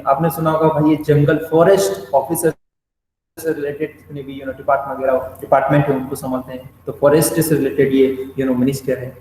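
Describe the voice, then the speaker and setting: A man's voice: fairly high pitch, a little mellow. A man giving a classroom lecture, explaining step by step and putting questions to his students, with English phrases mixed in. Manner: explains with repeated questions and "bhai sahab" asides, mixing English phrases. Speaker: teacher. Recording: echoey hall with faint noise.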